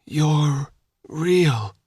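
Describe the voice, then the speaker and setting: A man voicing a starving, barely alive big man who speaks in a faint croak. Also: a little high, lively intonation, extremely slow, a little mellow, dry recording, clean studio sound, pitched above the performer's own voice, heavily acted. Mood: weak.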